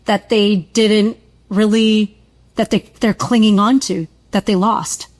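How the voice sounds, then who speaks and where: Unhurried woman author, measured. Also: medium pitch, fairly even intonation, darkish tone. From Canada. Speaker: guest author. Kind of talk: conversational interview.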